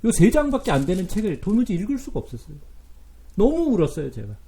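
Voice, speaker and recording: A man's voice: sits high, huge pitch swings, fast talker, mellow. Earnest, emotional male Bible teacher. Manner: emotional, earnest, asks the audience questions. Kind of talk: sermon-style Bible teaching.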